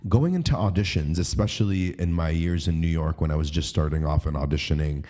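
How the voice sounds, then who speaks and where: A man with a low, mellow voice chats on a podcast he co-hosts. He talks in an earnest, easygoing way. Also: a little fast. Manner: earnest and conversational, mimics casting directors' lines. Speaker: podcast co-host, actor. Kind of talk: casual conversational chat.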